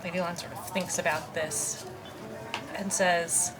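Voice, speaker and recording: A woman player at a tabletop game, describing her character's moves in a hedging way full of "like" and "sort of." Her voice sits low and she often speaks softly. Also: flat delivery, a little slow, music in the background.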